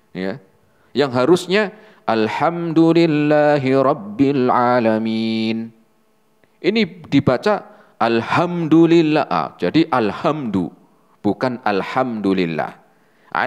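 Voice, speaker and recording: A man teaching Quran recitation as an Islamic teacher, patient and repetitive, asking the class rhetorical questions. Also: mid-range voice. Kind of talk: religious lesson on Quran recitation. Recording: long hall reverb.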